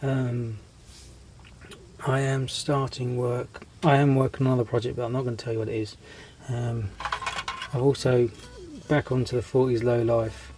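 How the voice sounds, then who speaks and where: With slight background noise, a scale model hobby host speaks at normal speed in a level, dark, mid-range voice. He's fighting a cold that has congested him and is costing him his voice, and his casual update is hesitant and full of restarts.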